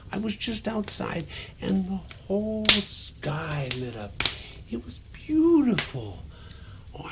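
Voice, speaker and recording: Playing Santa, an older man with a gravelly voice reads a storybook aloud to children, speaking to them directly with gentleness and wonder. His voice is high, and there's heavy background noise.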